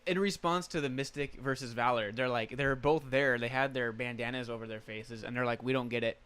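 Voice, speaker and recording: A man's voice: mid-range voice, fairly quick, fairly bright tone, clear, resonant tone. A young man co-hosting a casual podcast, telling stories in an easygoing way and laughing often. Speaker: podcast co-host. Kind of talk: casual chat.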